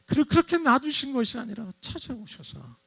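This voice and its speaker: A man's voice: extremely high pitch, expressive, fairly quick, creaky, a bit bright, husky, no room sound. A man preaching a Sunday sermon as pastor, earnest and dramatic, acting out the quotes he tells. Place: church sanctuary.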